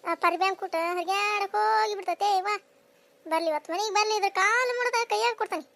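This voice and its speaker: Cartoon, squabbling village women, North Karnataka accent, sped-up chipmunk-high voice, piercing and bright, shrill banter. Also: vocal fry, exaggerated voice. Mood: grumbling. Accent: North Karnataka Kannada. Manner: shrill, scolding, quick back-and-forth banter. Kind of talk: cartoon voice acting.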